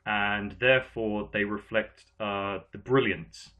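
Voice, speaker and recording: A slow, lowish voice with fairly even intonation belongs to a podcast host, heard with the highs cut off. Of half-Irish, half-English background and from Ireland and England, he leads a casual panel chat animatedly, his English accent carrying an Irish lilt.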